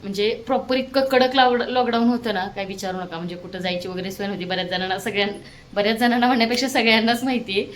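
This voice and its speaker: A woman's voice: mid-range voice, steady tone, quick pace, a little hiss or hum. A woman in her thirties from Maharashtra, chatting casually on a family vlog and coaxing a toddler with questions, recorded on a handheld phone. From Maharashtra, India. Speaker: family vlogger and mother.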